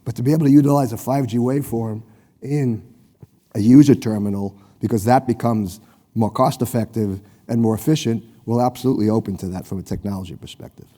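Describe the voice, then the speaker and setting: Hoarse man on a panel in a hall. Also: medium pitch, fairly quick, warm tone. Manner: technical, clears throat often. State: hoarse, lost his voice. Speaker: panelist, satellite operator executive. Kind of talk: industry panel discussion.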